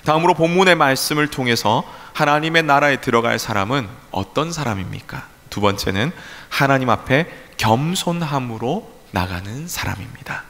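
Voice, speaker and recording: Male pastor, lively bright sermon delivery, rhetorical questions, echoey church hall. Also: mid-range voice, moderate pace, few pauses. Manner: animated preaching with rhetorical questions and acted-out voices. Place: church sanctuary.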